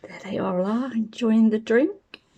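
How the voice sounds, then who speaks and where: A woman reads a children's picture book aloud, telling the story in an expressive, deliberate way. Her voice sits a little high, and the audio sounds dull.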